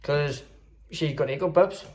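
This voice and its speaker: A man's voice: a little high, a little slow. Chatty rambling man vlogging. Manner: chatty, rambling with many fillers. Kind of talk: casual vlog chat. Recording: faint background noise.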